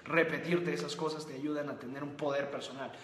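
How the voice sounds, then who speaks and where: A man's voice: fairly high pitch, little pitch movement, a little fast, a bit bright. A man hosting a motivational livestream, speaking emphatically and repeating phrases and rhetorical questions. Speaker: host of a live book-review stream. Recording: echoey room with long reverb.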